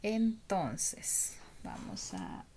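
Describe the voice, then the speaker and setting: Slow, patient woman teaching spelling. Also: mid-range voice, very animated, mellow, slight background noise. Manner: slow, patient, many pauses and fillers; asks "¿verdad?" to check understanding. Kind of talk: spelling lesson.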